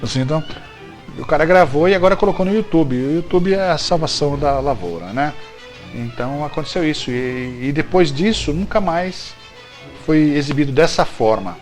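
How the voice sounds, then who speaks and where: A Brazilian man hosts a show in a fairly high, animated voice at a moderate pace, faint music playing behind. He chats jokily about TV trivia, frequently correcting himself.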